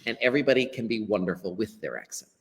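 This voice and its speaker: A middle-aged language teacher from the western United States, with a Western American accent, joins a live-stream interview as a guest over webcam audio with long reverb. He talks fast with animated pitch, earnest and emphatic, frequently restarting his sentences.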